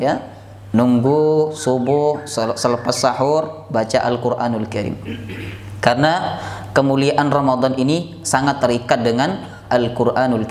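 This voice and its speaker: A man's voice: fairly high pitch, echoey room. A man preaching an Islamic sermon, emphatic, repeating key words and answering his own questions.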